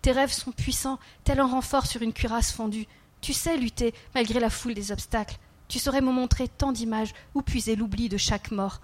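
Woman playing a serene little boy spirit, soft and a bit high. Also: steady tone, normal speed, natural voice. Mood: gentle. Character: small otherworldly boy child, calm and gentle.

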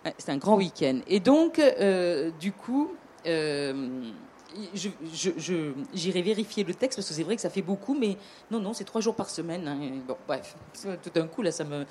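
A woman's voice: fairly low pitch, mellow, a little hiss or hum. A woman with a southern French accent telling an old tale in a casual, hesitant way, with many fillers, restarts and joking asides. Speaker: storyteller. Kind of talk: casual storytelling talk.

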